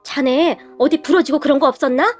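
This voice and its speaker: A woman's voice: high voice, a little fast, soft background music, natural voice. A woman voicing a worried, fretful middle-aged mother.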